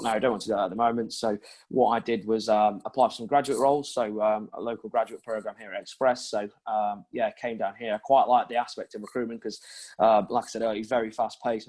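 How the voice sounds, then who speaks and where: A Yorkshire man in his twenties, a recruitment consultant, answers interview questions chattily with lots of ums. His voice is fairly low with a darkish tone.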